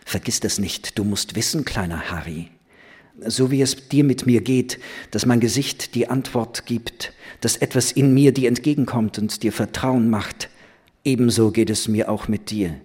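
A man reading a young woman's lines, playful yet grave and commanding, in a slow, serious, quietly insistent way. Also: mid-range voice, husky, natural voice. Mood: earnest, commanding.

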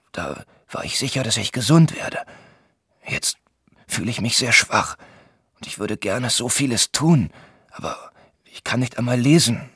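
A man doing a frail young student laid up with fever, his voice thin, breathy and hushed, as if talking from a sickbed. The tone is bright and edgy, and the sound is close and dry, with no room around it. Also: medium pitch, no room sound, pitched above the performer's own voice, heavily acted. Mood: weary. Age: young adult. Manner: weak, half-whispered, uneasy. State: breathy and weak. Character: sickly feverish young male art student.

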